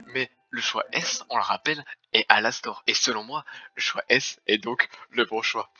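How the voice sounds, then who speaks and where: A man's voice: medium pitch, moderate pace, pushed and bright, no room sound. A man playing a social deduction game, making a theatrical, formal accusation speech with stumbling restarts. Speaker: werewolf game player. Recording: dry, dull lo-fi voice chat.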